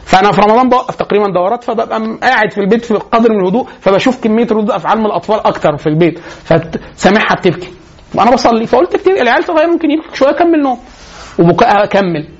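A man with an Egyptian accent giving a religious lecture on parenting, telling lively stories and laughing often. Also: high voice, rapid-fire, breathy edge, dull audio. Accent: Egyptian Arabic.

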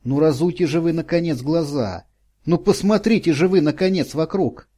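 A man doing a kind bewildered man, gentle, reassuring, mellow voice. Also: fairly high pitch, normal speed, pitched above the performer's own voice, natural voice. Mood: soothing.

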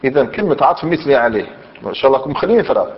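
A man's voice: medium pitch, big pitch swings, racing. A man teaching a grammar lesson, quizzing his students and mixing dialect into his explanations. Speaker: Islamic scholar teaching Arabic grammar. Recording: dull lo-fi sound, long hall reverb.

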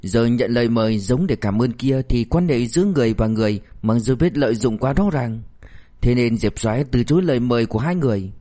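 Man narrating a novel, steady and even. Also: medium pitch, brisk. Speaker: audiobook narrator.

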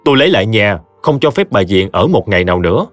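A man's voice: fairly low pitch, sing-song, quick pace, no echo, soft background music. A man voicing a firm young stepdaughter. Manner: firm and cutting. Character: resolute young woman, wronged stepdaughter.

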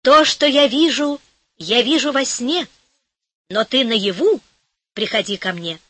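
A woman's voice: a little high, animated, a bit bright, no room sound. A woman reading an audiobook, voicing a fiery young man who is hot-tempered and lovesick and rants in heaps of words. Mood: tender. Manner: rapid indignant ranting, emphatic word piling.

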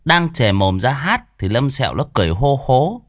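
Lively male storyteller. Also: medium pitch, normal speed, dry recording, clean studio sound. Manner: lively, animated comic delivery. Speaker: ghost story narrator. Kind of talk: comic storytelling narration.

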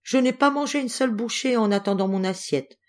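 A woman voicing a cunning, clever female tortoise who talks in a slow, sly, teasing way in a storybook reading. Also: a little high, voice pushed up, lightly acted. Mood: scheming.

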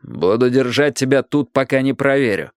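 A man doing a gruff, barking detective. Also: mid-range voice, lively intonation, normal speed, dry recording, studio quality, close to an everyday voice. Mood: stern. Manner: snapping, threatening, barking orders. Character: gruff big male private detective, impatient. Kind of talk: audiobook character voice.

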